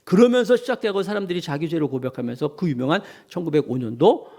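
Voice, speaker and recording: A man's voice: a little high, quick pace. A middle-aged male pastor preaching a Sunday sermon, acting out cries and quotes and putting questions to his congregation. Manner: animated, acts out shouts and quotes in the preaching; addresses the congregation directly with questions. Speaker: senior pastor.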